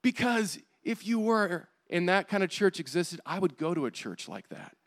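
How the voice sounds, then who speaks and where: A man's voice: high voice, animated, normal speed, voice pushed up. A man playing a blunt, plain-spoken diner owner. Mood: emphatic. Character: gruff diner owner, middle-aged man.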